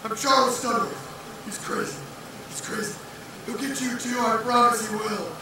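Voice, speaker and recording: A man's voice: extremely high pitch, fairly even intonation, moderate pace. An actor playing a panicked trapped man who begs for rescue in breathless, frantic pleas. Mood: desperate. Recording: echoey game audio from far off, noisy.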